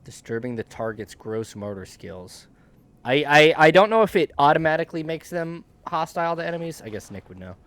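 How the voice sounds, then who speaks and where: A man on a game stream, chatting in a loose, rambling way. He guides his co-player, restarts his sentences and often trails off quietly. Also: fairly high pitch, very animated, fairly quick. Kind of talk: casual chat.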